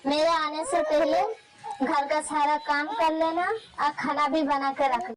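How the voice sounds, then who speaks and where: A woman voicing a cruel, bossy aunt in a cartoon, who shouts orders. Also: high voice, little pitch movement, unhurried, crowd noise, pitched above the performer's own voice, poor audio. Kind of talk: cartoon voice acting.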